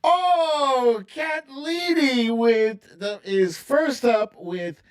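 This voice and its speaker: An extremely slow, medium-pitched voice with a clear, resonant tone belongs to a livestream host. Casual and playful, they ramble and think aloud through an informal quiz on TV themes, breaking into hums and sung snippets.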